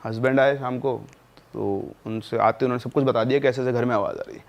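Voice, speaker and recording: In a conversational way, a man recounts a true horror story, lowering his voice whenever things get tense. He speaks quickly with a medium-pitched, steady tone and noticeable vocal fry.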